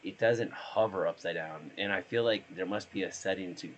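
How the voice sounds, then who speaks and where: Very deep-voiced hoarse man streaming. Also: normal speed, a bit bright, a little hiss or hum. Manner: rambling, thinking aloud. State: hoarse from being sick. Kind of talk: casual live-stream chat while gaming.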